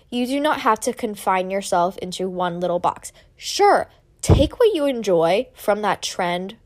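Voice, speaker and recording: A woman with a mid-pitched voice chats casually as a solo podcast host. She talks informally and candidly, swearing freely. Her voice is recorded in an echoing bathroom.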